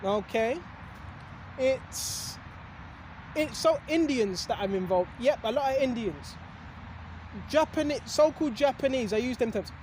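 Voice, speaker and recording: High-voiced man preaching by the roadside. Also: lively intonation, a little slow, pauses often, a little mellow, slight background noise. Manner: rambling, asks rhetorical questions with "right?". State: has hiccups. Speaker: religious video host. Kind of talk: casual preaching monologue.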